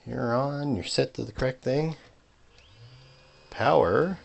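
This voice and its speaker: A man's voice: mid-range voice, takes it slowly, creaky, breathy edge, lo-fi sound. A man casually narrating his hobby electronics work in a dry, sarcastic way, talking to himself as he tinkers at a home workbench. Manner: dry, sarcastic, muttering to himself while working. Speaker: hobbyist modder.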